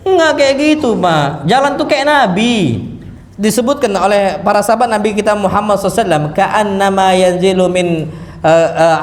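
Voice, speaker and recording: A man giving a lively mosque lecture to a seated audience, acting out sounds and stories as he preaches. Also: high voice. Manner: lively, animated, acts out sounds and punchlines. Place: mosque hall. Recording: echoey mosque hall, faint noise.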